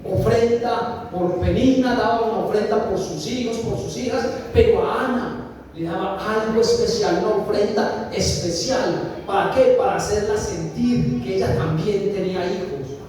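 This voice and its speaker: A man from Colombia preaching a sermon, with a very high voice and a mellow, dark tone. He speaks to the congregation directly, pausing on fillers and repeating phrases. The sound is roomy, with long reverb from a distant mic in a church hall. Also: a little hiss or hum.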